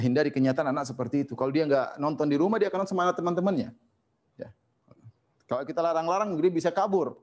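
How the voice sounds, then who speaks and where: A male preacher with a fairly high voice, teaching in an easy, conversational manner. He hammers points home by repeating phrases, and his voice jumps up and drops down a lot. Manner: lively swings between high and low. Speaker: Islamic preacher. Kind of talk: Islamic lecture on parenting.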